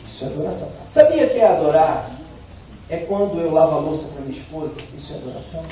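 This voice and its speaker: A middle-aged man from Brazil with a high voice, preaching in a church hall with humor and a chatty, storytelling manner. He sounds far from the mic in a very echoey hall, with faint noise behind him. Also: big pitch swings, fast, dark tone. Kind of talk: sermon.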